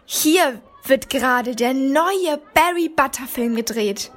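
A woman's voice: sits high, expressive, takes it slowly, slight background noise. A woman playing an eager radio reporter. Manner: bubbly, addresses listeners.

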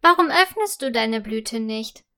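Woman doing a bold male crocus flower, impatient, calls out loud, slow, children's audio story. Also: fairly high pitch, expressive. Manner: calling out firmly.

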